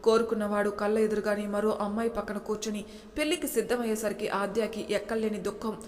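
A woman narrating a serialized story in a steady, dramatic way. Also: mid-range voice, fairly quick. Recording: roomy with long reverb.

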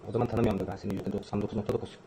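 Fast, slangy young man streaming. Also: on the low side, little pitch movement, background noise. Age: 20s. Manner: fast, slangy, mutters to himself while typing. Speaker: live streamer. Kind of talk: casual live-stream chat with viewers. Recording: loud music playing behind the voice. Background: loud music.

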